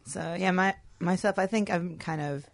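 A low-pitched Australian woman talks in a relaxed radio studio chat. She is reflective and hesitant, filling pauses with ums and likes, and often laughs as she talks. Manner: reflective, hesitant, many fillers, laughs easily. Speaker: radio co-host.

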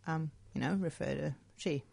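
Low-voiced Australian woman, radio chat. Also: normal speed, vocal fry, darkish tone, slightly rough. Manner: reflective, hesitant, many fillers, laughs easily. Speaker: radio co-host. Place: radio studio.

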